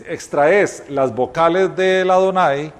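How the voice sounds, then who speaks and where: A man's voice: a little high, slow. A man teaching a Bible study, explaining scripture step by step and sometimes correcting himself mid-sentence. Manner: explanatory, retells scripture scenes with voiced dialogue; occasional self-corrections.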